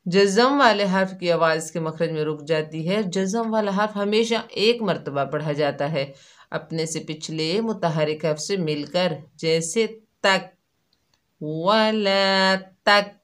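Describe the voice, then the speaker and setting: A woman teaching Quran reading step by step, calmly explaining each letter and drawing out the demonstrated syllables. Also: on the low side. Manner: patient, drawn-out syllables when demonstrating. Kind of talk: slow step-by-step recitation lesson.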